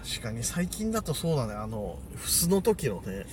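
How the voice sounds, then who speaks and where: A man from a comedy duo, casually bantering and quickly shooting down his partner's ideas. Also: mid-range voice, sing-song, slight background noise. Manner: quick teasing rebuttals. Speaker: comedy duo member co-hosting a podcast.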